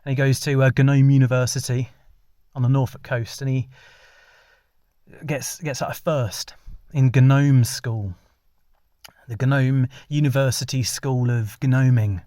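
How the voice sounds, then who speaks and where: A man, telling an ad-libbed comic story in a rambling, deadpan way with many restarts. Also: medium pitch, measured pace, dry recording, studio quality.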